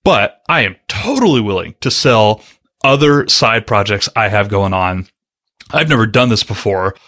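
A podcast host with a lowish, bright, forceful voice and lively intonation runs a casual interview. He's joking, chatty and fast-talking as he puts his questions.

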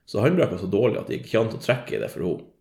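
A man's voice: lowish voice, gravelly. A young man telling a story in casual chat, swearing freely, laughing a lot and cramming his talk with fillers. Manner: profane, excitable, laughs often, frequent fillers. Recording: roomy echo.

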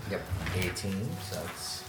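A man narrating as game master of a tabletop game, relaxed and halting with fillers. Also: low voice, over loud music. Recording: roomy, distant mic, faint noise.

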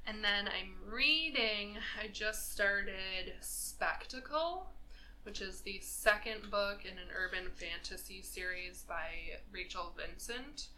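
A woman co-hosting a laid-back chat, rambling with plenty of ums and likes. Her voice is bright and clear, sitting at an everyday middle pitch. A faint hum runs behind her. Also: slow pace, poor audio. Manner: chatty, meandering, many fillers. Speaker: podcast co-host. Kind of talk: casual chat.

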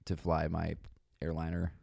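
Brief: low-voiced man, deadpan podcast co-host, dry sound. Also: normal speed, gravelly, husky, no room sound. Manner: blunt, deadpan jokes. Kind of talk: casual chat.

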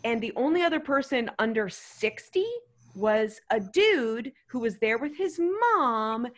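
Her voice on the high side and her delivery unhurried, a woman tells a podcast panel a funny story as a guest. She rambles animatedly and leans on "freaking" for emphasis.

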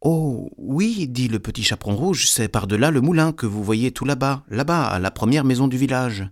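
A man voicing a naive, eager little girl in a storybook reading, lifting his voice higher and talking quickly. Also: lively intonation. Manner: raised, quick and chirpy.

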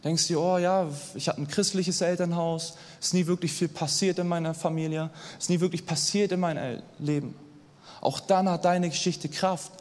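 A young man delivers a sermon in a casual, lively way, often turning to his listeners with a quick question. His voice sits fairly high. A long reverb from the hall trails each phrase. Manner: lively, conversational, asks the audience "oder?" often. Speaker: preacher.

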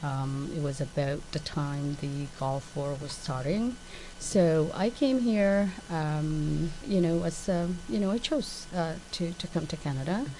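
A woman's voice: deep voice, warm tone, a little hiss or hum, rough recording. A middle-aged woman from Somalia, a community nurse, talking hesitantly with many fillers in a radio interview.

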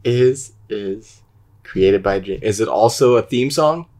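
Animated co-host with a lively voice. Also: medium pitch, a little slow. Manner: animated, jokey, laughs often. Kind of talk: casual chat, guessing game.

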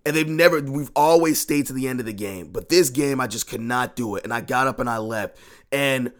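A man's voice: mid-range voice, brisk. Man ranting in repeated, swearing bursts. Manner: agitated, repeats himself, swears freely. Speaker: sports podcast host. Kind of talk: ranting sports talk. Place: home podcast room.

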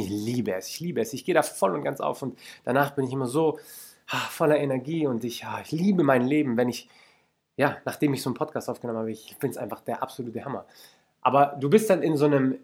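A young man from the Lake Constance region, hosting a solo self-help podcast and speaking earnestly and directly to the listener. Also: medium pitch. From Lake Constance region, Germany. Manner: earnest, addresses listener directly, repeats for emphasis. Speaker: podcast host.

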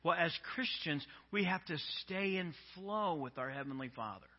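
A man's voice: fairly high pitch, lively intonation, normal speed, lo-fi sound. A male pastor giving a sermon, telling stories conversationally with frequent restarts. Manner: conversational storytelling with many restarts.

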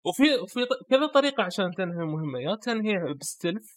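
A man co-hosting a casual gaming podcast, animated and explaining with quick examples. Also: sits high, no echo, clean studio sound. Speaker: podcast co-host.

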